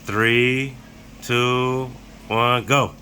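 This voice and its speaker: Casting: woman with a very deep voice, playful host bantering with kids, casual and teasing, noisy home-video sound. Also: fairly even intonation, drawn-out words, pushed and bright. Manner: teasing, encouraging banter with children. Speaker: adult filming and hosting a kids' drink challenge.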